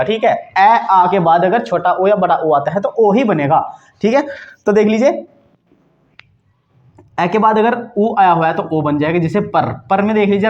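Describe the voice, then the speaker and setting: A man's voice: sits high, lo-fi sound. A man teaching a grammar lesson, often checking in with the class and posing questions he then answers. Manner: repeats "ठीक है दोस्तों" and asks quiz-style questions.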